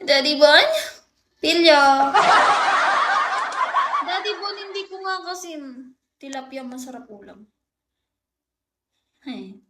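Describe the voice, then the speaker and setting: A woman's voice: extremely high pitch, huge pitch swings, slow, pauses often. A young woman live-streaming, chatting casually with her viewers in a playful, teasing way and laughing often. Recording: echoey room with faint noise.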